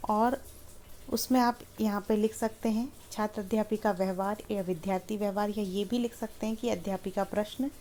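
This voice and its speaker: A woman's voice: mid-range voice, steady tone, moderate pace, warm tone, a little hiss or hum. A woman tutor walking trainee teachers through a lesson plan step by step, in a patient, methodical teaching manner. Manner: patient, methodical, walks through each item in turn.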